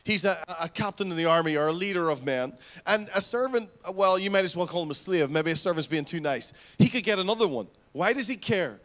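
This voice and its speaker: A man's voice: high-pitched, animated, fairly quick, sharp tone. A man preaching a fervent, exhorting sermon full of rhetorical questions. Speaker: pastor.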